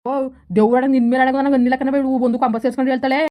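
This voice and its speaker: A woman's voice: sits high, flat delivery, racing, muffled recording, lightly acted. A woman voicing a flustered village husband who protests his innocence to his mother and wife. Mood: protesting. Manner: protesting, pleading. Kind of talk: village comedy skit.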